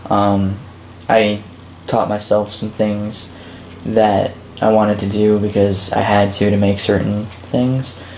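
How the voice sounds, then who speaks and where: A man's voice: fairly low pitch, slow pace. Guy talking thru his game level, lots of ums and likes, kinda echoey room, faint hiss behind. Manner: relaxed, rambling, many "um"s and "like"s. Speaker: game creator and channel host. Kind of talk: casual gameplay walkthrough commentary. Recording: roomy with faint background noise.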